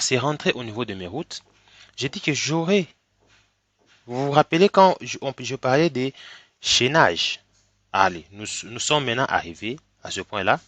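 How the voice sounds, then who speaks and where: A man with a mid-range, somewhat bright voice teaches a screen-recorded coding tutorial while suffering from a cold. There's no room sound, and he moves slowly through each step, often pausing to ask "ok?".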